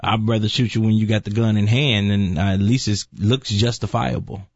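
A man's voice: on the low side, fairly even intonation, fairly quick, no room sound, muffled recording. A man co-hosting a casual talk show, joking easily and telling stories to make his points. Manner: easygoing, joking, storytelling. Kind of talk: casual opinion chat.

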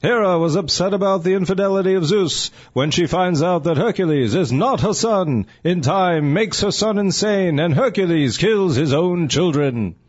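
A man on a radio talk show putting on the voice of an old-time newsreel announcer, with a husky, measured delivery. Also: sits high, expressive, highs cut off. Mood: solemn. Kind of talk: mock newsreel narration.

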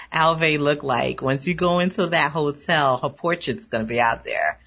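A woman co-hosting a casual chat show, chatty and quick to laugh. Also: low voice, fairly bright tone. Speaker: co-host. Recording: dull lo-fi recording.

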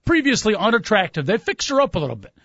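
A man's voice: sits high, sing-song, fast, a bit bright, no echo, lo-fi sound. A man hosting a sports talk show with wry, joking banter.

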